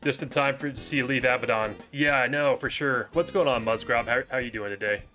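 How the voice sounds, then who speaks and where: Speaking through a headset mic while playing a game on a livestream, a man with a medium-pitched voice chats casually and a little fast. He's relaxed, greets viewers by their names, and there's faint music in the background.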